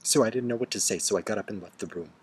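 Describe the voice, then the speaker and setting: A man telling a bitter story in an angry rant, swearing and swinging from hushed seething to loud outbursts. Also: fairly low pitch, very fast, husky. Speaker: storyteller ranting to camera. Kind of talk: angry first-person rant.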